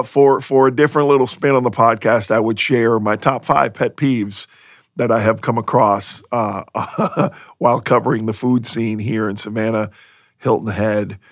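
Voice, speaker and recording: A man's voice: mid-range voice, vocal fry, no echo. Chatty amused man, dry close mic. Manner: chatty, amused, rambling with restarts. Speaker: food podcast host. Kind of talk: casual solo podcast monologue.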